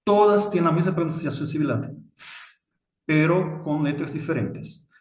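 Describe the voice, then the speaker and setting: A man's voice: a little high, lively intonation. Brazilian man explaining, echoey room. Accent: Brazilian Portuguese. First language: Portuguese. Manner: deliberate, frequent tag "¿no?", slow spelled-out examples. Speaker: language teacher. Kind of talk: instructional explanation.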